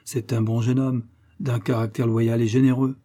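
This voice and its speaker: A man reading the part of a frail, ailing noblewoman who speaks softly and gently. The voice stays dark and husky in a calm storybook reading. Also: mid-range voice, moderate pace, close to an everyday voice. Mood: gentle. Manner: soft, gentle. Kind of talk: audiobook character reading.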